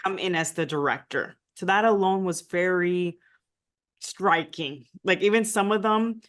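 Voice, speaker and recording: A Nicaraguan American former diplomat, from the United States with family from Nicaragua, tells her story in a conversational interview, repeatedly adding "right?" Her voice is lowish and her pace measured.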